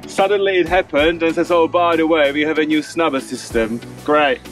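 A man chatting casually as a sailboat's first mate, teasing and joking with playful, drawn-out delivery. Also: a little high, fairly even intonation, music in the background. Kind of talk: casual vlog chat.

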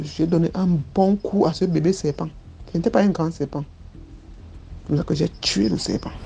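A woman's voice: low voice, gravelly, warm tone, a little hiss or hum. A woman giving an earnest personal testimony, recounting what happened to her step by step.

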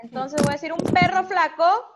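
A woman teaching a primary school English class online, drilling vocabulary with slow, patient repetition. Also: very high-pitched, very noisy.

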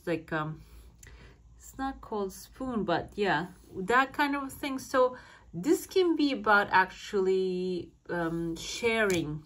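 A woman's voice: on the low side, a bit bright. A woman speaking as a fortune teller, giving a coffee cup reading to viewers in searching, interpretive phrasing. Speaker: fortune teller, channel host.

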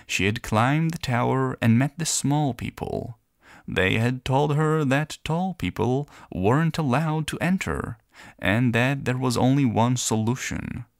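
A man reading a children's fairy tale aloud in a gentle, playful storyteller manner. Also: medium pitch, no echo, studio quality. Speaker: narrator.

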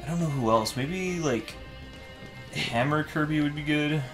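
A man's voice: on the high side, a little slow. A man casually commentating as he plays a game, his voice sounding tinny and metallic, like he is in a tin can. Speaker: host and player of a gaming series. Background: video game music.

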